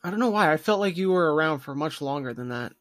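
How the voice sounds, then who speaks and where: A man's voice: fairly high pitch, expressive, fast, dry recording, studio quality. A man hosting a podcast in a casual, chatty style. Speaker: podcast host.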